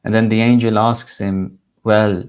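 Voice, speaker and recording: A male religious teacher telling a moral story in a measured, unhurried way. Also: on the low side, flat delivery, a little mellow, clean tone.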